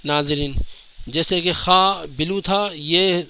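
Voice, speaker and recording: A man giving a step-by-step lesson on the letters, drawing out each letter sound slowly and clearly and often turning to address the viewers. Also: fairly high pitch, steady tone, pushed and bright, poor audio. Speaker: Quran teacher.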